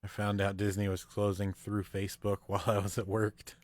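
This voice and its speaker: A man co-hosting a casual live-stream chat, easygoing and quick to laugh, with short replies. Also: on the low side, completely flat delivery, dry recording, clean studio sound.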